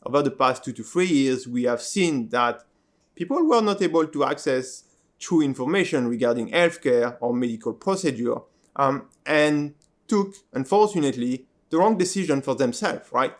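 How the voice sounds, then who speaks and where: A man's voice: medium pitch, animated, normal speed. A male host whose first language is French, earnestly explaining his point to viewers and often asking "right?". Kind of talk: video introduction and interview.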